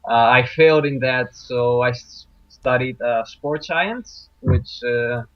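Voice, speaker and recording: A young man from Greece, a guest in an interview, talking in a relaxed, reflective way with many fillers. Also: medium pitch, slow, no echo. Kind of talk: casual interview talk. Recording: dry, dull lo-fi line.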